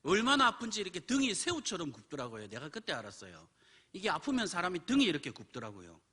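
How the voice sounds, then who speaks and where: Male preacher, animated storyteller with a bright, lively pitch. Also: fast talker, breathy edge. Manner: animated storytelling, acts out quoted voices. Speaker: pastor. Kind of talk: sermon with personal story. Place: church.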